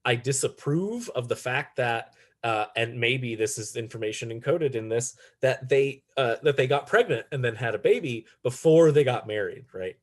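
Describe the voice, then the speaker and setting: A man's voice: medium pitch, moderate pace, hardly any pauses. Casual man giving a philosophy lecture. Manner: casual and chatty, many fillers and restarts. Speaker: philosophy instructor. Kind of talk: recorded online lecture.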